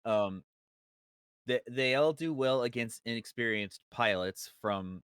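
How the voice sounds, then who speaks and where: Smooth-voiced guy weighing his opinion. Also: medium pitch, slow pace, fairly bright tone, no echo, clean studio sound. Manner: reasoned, hedging with ums, swears casually. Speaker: podcast guest. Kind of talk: casual chat.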